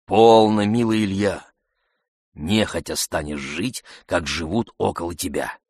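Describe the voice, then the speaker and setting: A man voicing a steady, warm-hearted friend who coaxes gently, in a read-aloud story. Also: deep voice, unhurried, no echo, studio quality. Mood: coaxing. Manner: calm, coaxing.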